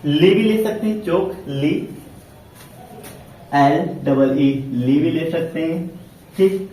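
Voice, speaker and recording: Male classroom teacher, slightly high, mellow tone, repeats himself and stretches words, faint room hum. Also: slow. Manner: repetitive, asks and answers his own questions. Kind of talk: classroom lesson. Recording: echoey classroom from far off.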